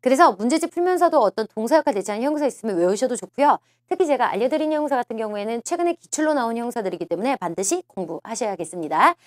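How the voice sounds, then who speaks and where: A woman lecturer preps students for a listening exam, her fairly high voice swinging up and down in pitch. She coaxes the class, repeats each key phrase and keeps asking questions. The sound is dry and close to the mic. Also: lively intonation, very fast, hardly any pauses, no room sound. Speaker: TOEIC listening instructor.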